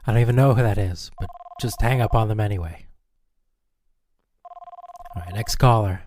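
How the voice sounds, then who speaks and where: A man's voice: lowish voice, normal speed, a little mellow, slight background noise. A man hosting a comedy radio sketch, exasperated and sarcastic with the callers. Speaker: radio host.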